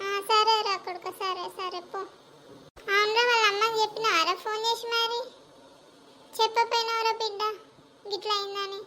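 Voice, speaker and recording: A woman with a Telangana accent playing a scheming village mother-in-law who complains loudly. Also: extremely high pitch, level tone, normal speed, long pauses, heavy background noise. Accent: Telangana Telugu. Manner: loud, scolding and complaining. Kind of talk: village comedy skit acting.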